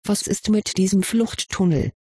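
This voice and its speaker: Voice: medium pitch, moderate pace, a little mellow, slightly rough, no room sound, clean studio sound, natural voice. A reader doing an arrogant hissing aristocrat. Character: arrogant scheming aristocrat man.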